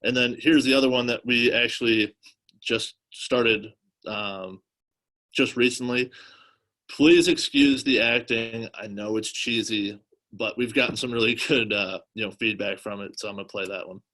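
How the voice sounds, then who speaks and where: A man's voice: medium pitch, steady tone, moderate pace, bright, forceful tone, poor audio. A man giving an informal marketing presentation in a wordy, hesitant way, often saying "you know". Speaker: guest presenter on car dealership marketing.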